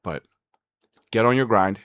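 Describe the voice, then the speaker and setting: A young man telling a personal story in a casual, slangy, animated way to camera. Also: unhurried, smooth, no room sound, studio quality. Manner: animated, swings into high excited voice for quoted thoughts; slangy, loose and candid. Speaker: vlogger.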